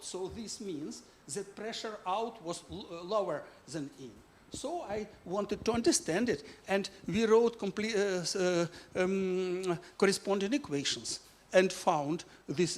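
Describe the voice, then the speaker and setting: A man from Ukraine presents his physics book in a talk. His voice sits a little high. He speaks halting English and keeps pausing on "uh" as he hunts for words. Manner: halting non-native English with many "uh" fillers.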